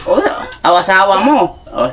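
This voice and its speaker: A woman's voice: mid-range voice, a crowd in the background. A middle-aged woman with a Visayan accent, a Cebuano speaker, chatting animatedly as an interviewed mother. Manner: animated, quick to laugh and exclaim. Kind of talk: casual chat.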